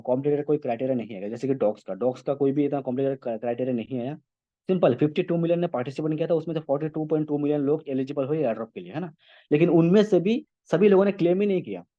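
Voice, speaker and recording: A man's voice: fairly high pitch, highs cut off. A man presenting a casual tutorial to an online meeting, who explains step by step and keeps checking in with his listeners. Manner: explanatory, checks in often with "okay?" and "right?". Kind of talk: casual screen-share tutorial. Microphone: online meeting call audio.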